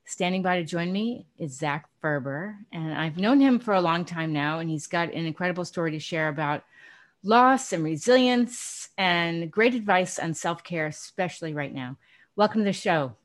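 A woman's voice: lowish voice, animated, moderate pace. A woman hosting a radio show, talking conversationally as she interviews a guest.

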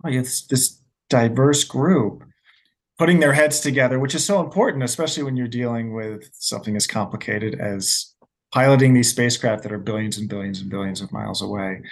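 A man's voice: medium pitch, brisk. A man directs documentaries and appears as a guest on a radio interview. He answers earnestly, telling stories and leaning on fillers as he recalls his experiences. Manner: earnest, storytelling, frequent fillers.

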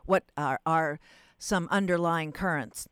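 A woman's voice: sits low, measured pace, clear, resonant tone, no room sound. A woman hosting a call-in radio show, talking in a chatty, rambling way with many restarts.

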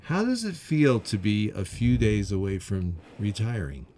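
A man's voice: fairly low pitch, sing-song, measured pace, background noise. A man hosting a radio interview, who reads a prepared introduction and asks friendly questions. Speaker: radio show host, Toastmasters club president.

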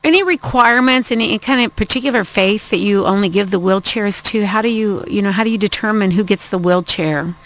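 A woman's voice: medium pitch, a little fast, few pauses, poor audio. A woman hosting an interview, asking conversational questions with some hesitation. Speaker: interviewer, host.

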